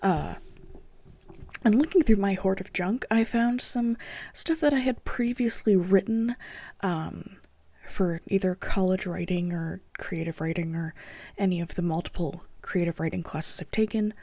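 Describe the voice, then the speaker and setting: A young woman hosting a writing vlog, speaking mostly in a soft whisper as she reads her old prose aloud. She sounds sleepy and keeps yawning. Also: medium pitch, measured pace, no room sound. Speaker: writing channel host.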